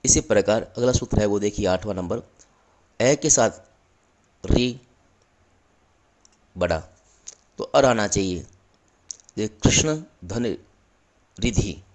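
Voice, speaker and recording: A man teaching a grammar lesson in a low voice, speaking very slowly and deliberately. He repeats each example patiently, drawing out the sounds so students can follow. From India. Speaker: school teacher.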